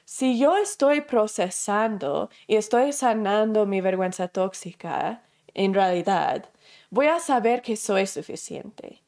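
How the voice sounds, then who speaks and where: A woman's voice: mid-range voice, lively intonation, slow, darkish tone. A woman teaching a class, explaining by asking herself questions and acting out everyday examples, speaking conversationally with fillers and self-corrections. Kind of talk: spoken lesson to a class.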